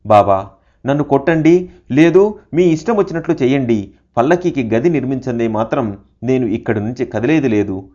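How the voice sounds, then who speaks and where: A man's voice: medium pitch, normal speed, long pauses, a little mellow, natural voice. A man doing a stubborn devoted disciple. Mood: defiant pleading. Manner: pleading, insistent. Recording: dull lo-fi recording.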